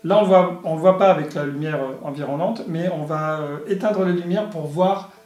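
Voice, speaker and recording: A man presents a product in a casual, halting, explanatory way, as in a hands-on toy review. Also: a little high, a little mellow. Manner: halting, explanatory, punctuated with little sound effects. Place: indoor room. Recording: echoey room, faint music behind.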